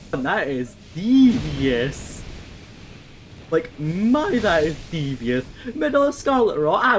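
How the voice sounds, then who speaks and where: A man giving casual let's-play commentary, thinking aloud and swearing at the game with wry humour. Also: on the high side. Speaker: gameplay commentator. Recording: faint background noise.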